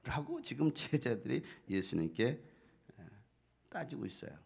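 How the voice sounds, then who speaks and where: Gravelly Korean pastor preaching. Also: male voice, lowish voice, sing-song, moderate pace, a little mellow. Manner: conversational preaching with rhetorical questions to the congregation. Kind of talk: sermon.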